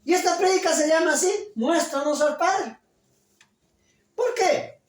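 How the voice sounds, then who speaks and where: A pastor delivering a sermon, loud and emphatic, full of rhetorical questions. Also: male voice, very high voice, a little slow. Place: church. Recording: echoey church from a distance.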